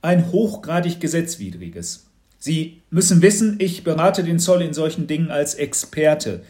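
A man voicing a rasping, self-important male expert who lectures everyone, in a storybook reading. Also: fairly high pitch, expressive, fairly quick, mellow, pitched above the performer's own voice, natural voice. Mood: pompous.

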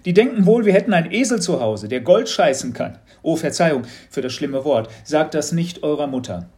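A man reading a story aloud, voicing an excitable, talkative father who speaks fast and loudly, pitched well above his narration. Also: lightly acted. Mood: excited. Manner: fast, loud, exclaiming. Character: excitable talkative dad, blustery and bargain-proud. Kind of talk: audiobook storytelling.

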